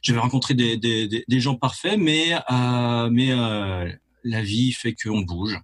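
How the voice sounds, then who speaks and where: A man, a musician being interviewed, who talks in a hesitant, halting way with many repeats and fillers. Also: mid-range voice. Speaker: musician and label head, interview guest. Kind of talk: casual interview talk.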